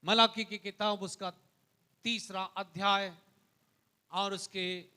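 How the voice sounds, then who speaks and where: A man with an Indian accent preaching a sermon to his church, dropping to hushed asides and then rising to loud calls, repeating phrases to the congregation. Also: high-pitched, steady tone, slow pace, smooth. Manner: swings between hushed asides and loud exhortations. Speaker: pastor. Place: church hall.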